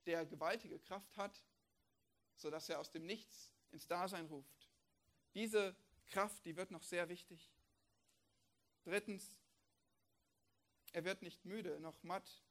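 A man preaching a sermon, emphatic and full of rhetorical questions, swinging between loud declarations and hushed lines. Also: high voice.

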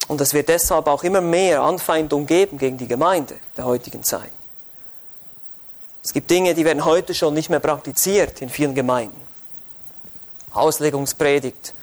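A man preaching an expository sermon in church, fervent and rising to urgent exhortation. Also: a little high.

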